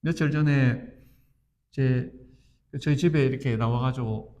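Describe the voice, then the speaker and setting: A man's voice: medium pitch, fairly even intonation, measured pace, mellow. A pastor in his fifties preaching a sermon in an earnest, storytelling way that rises to fervent emphasis. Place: church sanctuary.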